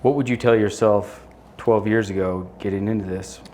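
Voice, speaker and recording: A man's voice: fairly low pitch, fairly even intonation, normal speed, a little mellow. A man hosting an on-stage interview, asking questions in a conversational way and checking in with "right?". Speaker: interviewer, host.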